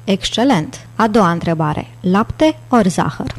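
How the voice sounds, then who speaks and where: A woman's voice: mid-range voice, animated, natural voice. Woman voicing a jovial, theatrical old aristocrat. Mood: teasing. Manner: grand, playful. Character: theatrical, jovial older British male aristocrat.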